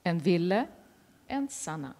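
A woman's voice: fairly low pitch, big pitch swings, unhurried, warm tone. A woman hosting a museum panel, introducing guests and colleagues with many hesitant fillers. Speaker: museum host.

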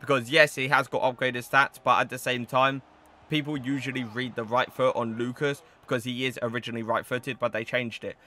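A man's voice: mid-range voice, flat delivery, fairly quick, pushed and bright. A man in his twenties giving casual gameplay commentary in a chatty, slangy way, with stock phrases he repeats. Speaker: gaming video host.

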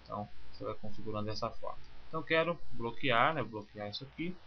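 A man, teaching software in a screencast and calmly walking through each click step by step. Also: mid-range voice, fast. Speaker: software instructor. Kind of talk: screencast tutorial. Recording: slightly muffled with faint hiss.

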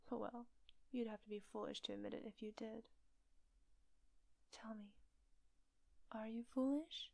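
In an intimate audio roleplay, a woman voice actor plays a teasing female kidnapper who sounds smug, coaxing and calmly in control. Her fairly high yet mellow voice is soft, breathy and often whispery, with a gravelly creak underneath. She speaks at a measured pace with long pauses, and there's no room sound.

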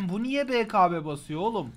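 A young man streaming a team game, commenting live and getting frustrated and loud as he calls on his teammates for help. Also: high voice, animated, moderate pace. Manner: frustrated, shouting at teammates, swearing.

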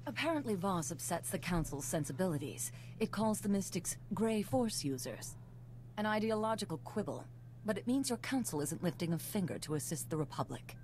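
A cynical political ally in a video game briefing. Her voice is very low for a woman, dry and skeptical, with faint noise. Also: sing-song, a little fast, a little mellow. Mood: disapproving. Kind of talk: video game dialogue acting.

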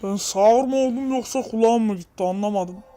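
A woman's voice: on the high side, fairly quick, close to an everyday voice. A woman voicing a feisty, slangy fighter in a comedic Turkish cartoon fan dub. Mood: combative. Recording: loud music under the voice.

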